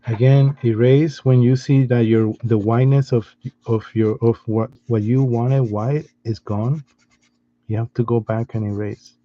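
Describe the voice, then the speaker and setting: A man giving a step-by-step drawing lesson in a patient, soft-spoken way, often restarting his sentences. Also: mid-range voice, steady tone, measured pace, dry recording, highs cut off. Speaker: art teacher.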